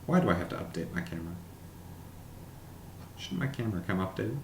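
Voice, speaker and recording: A man's voice: low-pitched, lively intonation, noisy background. Wry chatty man in an echoey room. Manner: chatty, wry, reads text aloud haltingly. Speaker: vlogger. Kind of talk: casual unboxing chat.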